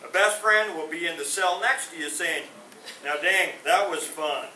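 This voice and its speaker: Without any mic, a comedian works through corny puns and one-liners at a veterans home hall, letting his punchlines fade out sheepishly. His fairly high voice is bright and forceful, a little slow. He's captured from a distance in a roomy hall with noise around.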